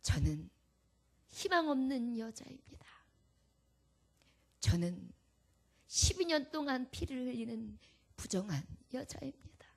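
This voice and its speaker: A woman's voice: on the high side, very animated, unhurried, gravelly, long pauses, darkish tone, exaggerated voice. Preacher voicing a trembling, pleading sick woman. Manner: pleading, breaking into whispers.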